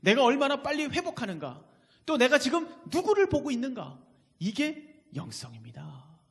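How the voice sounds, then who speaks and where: A man's voice: extremely high pitch, huge pitch swings, moderate pace, gravelly. A man preaching a sermon as pastor in a church, emphatic and often putting questions to the congregation. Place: church sanctuary. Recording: long reverb in a church hall.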